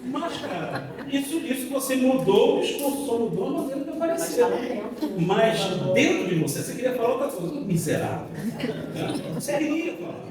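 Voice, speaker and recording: This man's voice is extremely high, swinging widely in pitch at a moderate pace, with a loud crowd audible. He has a Brazilian Portuguese accent and is a seminar speaker giving an informal, joking lecture with slang and acted-out quotes. It's recorded far from the mic in an echoey large hall before an audience.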